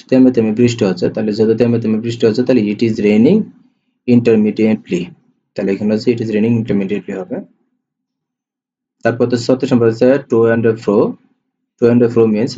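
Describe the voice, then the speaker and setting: A man's voice: mid-range voice, little pitch movement, brisk, dark tone. A man with a Bangladeshi Bengali accent working through exam questions as a tutor, reading each question and then repeating the answer. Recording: dull lo-fi voice-over with faint hiss.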